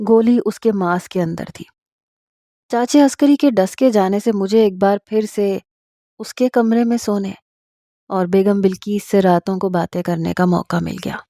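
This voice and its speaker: A woman narrating a romantic novel in a calm, unhurried storytelling manner. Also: mid-range voice, no echo, studio quality. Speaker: audiobook narrator.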